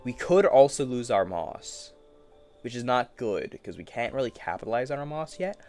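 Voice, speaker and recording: A man talking to himself in a loose, rambling way. His pitch moves around a lot. He sounds playful and easily amused, with faint music under his voice. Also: lively intonation, moderate pace, a little mellow. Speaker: gaming streamer. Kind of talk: casual solo commentary.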